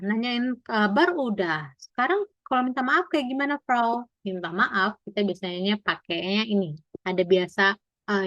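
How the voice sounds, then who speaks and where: A woman's voice: a little high, fairly bright tone, dry recording, dull audio. A woman teaching German in an online class over a video call, explaining patiently, mixing in English and quizzing her students.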